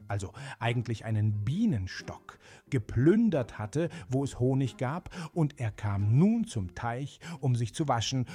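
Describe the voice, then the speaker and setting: A man narrating a children's animal fable in a gentle, unhurried way with small fillers. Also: medium pitch. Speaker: storyteller.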